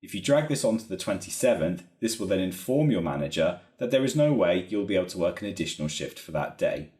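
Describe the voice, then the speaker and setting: Working through an instructional walkthrough at a quick pace, a software trainer explains every step methodically. His fairly low voice has lively, varied intonation, and the sound is roomy and echoey.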